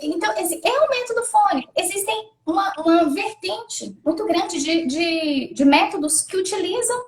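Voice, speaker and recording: High voice, woman, literacy educator, explanatory chat, thoughtful restarts. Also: lively intonation, normal speed. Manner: thoughtful, repeats words while explaining. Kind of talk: explanatory conversation.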